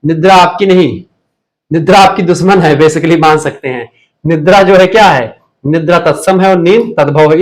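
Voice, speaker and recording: Male tutor, slightly high voice, runs a quick drilling revision class online. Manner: drilling, asks questions then answers them himself. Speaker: teacher.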